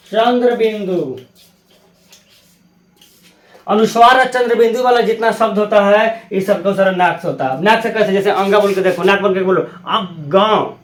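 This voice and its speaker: A man teaches grammar. He drills his students by firing questions at them, answering each one, and repeating every term. His voice rings around an echoey room. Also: high-pitched. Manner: repeats key terms, quizzes the listener with questions. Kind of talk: classroom grammar lesson.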